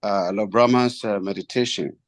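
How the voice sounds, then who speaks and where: A man asking a formal, reverent question as a devotee, deliberately, phrase by phrase. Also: on the low side, steady tone, no echo.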